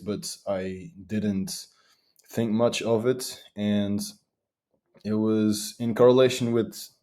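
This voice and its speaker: A man's voice: on the low side, dark tone. A man in his twenties from Portugal, chatting eagerly as an interview guest with many fillers. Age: 20s. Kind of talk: casual interview talk.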